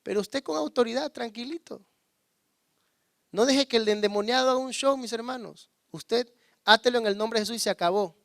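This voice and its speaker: High-voiced preaching man, dry sound. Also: fairly quick, gravelly, no room sound. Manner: calls on the congregation to repeat words; swings between loud emphasis and hushed low asides. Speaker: pastor. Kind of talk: sermon.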